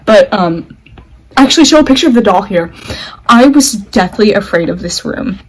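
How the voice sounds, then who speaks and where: A woman's voice: mid-range voice, expressive, normal speed, poor audio. Giggly, dramatic young woman. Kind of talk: casual chat.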